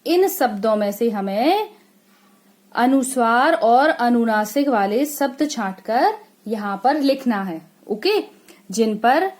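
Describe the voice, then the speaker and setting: A woman's voice: fairly high pitch, darkish tone. A woman from India teaching young children a lesson, stretching out sample words and checking in with a frequent "okay?". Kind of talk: classroom lesson explanation.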